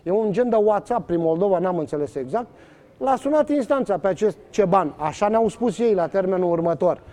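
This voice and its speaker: High-voiced man, emphatic and animated. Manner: animated, many fillers and restarts, acts out quoted exchanges. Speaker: interview guest. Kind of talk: emphatic storytelling in conversation.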